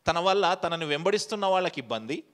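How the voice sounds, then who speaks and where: A man's voice: sits high, animated, fast talker, a bit bright. Man preaching with rhetorical questions. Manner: rhetorical questions, mixes English phrases. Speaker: pastor. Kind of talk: sermon.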